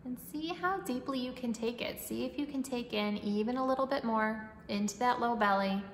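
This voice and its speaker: A woman leading a guided breathwork meditation in a soothing, instructing manner, with long pauses and audible breathing and sighs. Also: fairly high pitch. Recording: echoey reverberant room, faint background noise.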